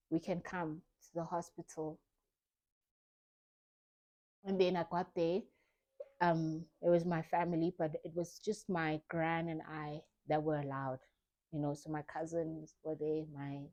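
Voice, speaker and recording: A woman softly telling a personal story of grief in a vlog, acting out her own past thoughts. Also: lowish voice. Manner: soft, reflective, grieving, re-enacting her own thoughts. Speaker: vlogger.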